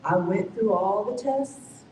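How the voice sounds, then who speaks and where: Woman, survivor testimony, slow and mellow, echoey room, distant mic. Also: mid-range voice, slight background noise. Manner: slow, reflective storytelling with self-corrections. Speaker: cancer survivor speaker. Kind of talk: personal testimony at a forum. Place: community forum venue.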